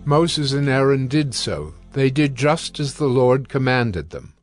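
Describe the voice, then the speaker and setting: Reading scripture from a script, a man narrates in a measured, formal storytelling style. His mid-range voice is very animated, with faint music in the background.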